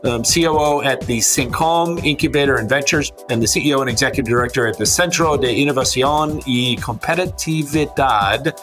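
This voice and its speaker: A man hosts a podcast in a crisp, bright voice, upbeat and a little teasing with his co-host. He moves easily into reading out a guest's biography. Soft music plays faintly underneath. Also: mid-range voice, brisk, few pauses. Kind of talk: casual podcast hosting.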